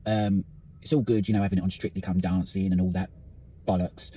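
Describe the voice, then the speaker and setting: A man's voice: low voice, little pitch movement, fairly quick, dark tone, slight background noise. A British man talking candidly in a casual vlog, ranting and swearing freely as he speaks. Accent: British English. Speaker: vlogger.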